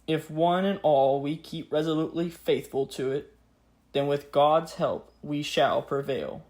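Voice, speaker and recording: A man giving a scripted history narration in a grave, measured, earnest way, as a podcast host. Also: a little high, a little mellow. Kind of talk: scripted history narration with a solemn read-out speech.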